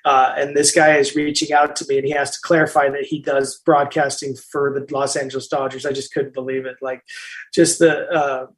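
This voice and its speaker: An author appearing as an interview guest tells a story in a casual, animated way, often restarting and slipping in bits of quoted dialogue. He has a medium-pitched voice, speaks briskly, and the recording is rough.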